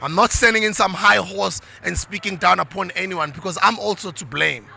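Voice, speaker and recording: A South African man in middle age speaks with preachy conviction, drifting between English and isiZulu. His voice sits high for a man and rings bright and forceful. A gravelly rasp runs under his words. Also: brisk. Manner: passionate, preachy, switches into isiZulu. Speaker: motivational speaker. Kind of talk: motivational monologue.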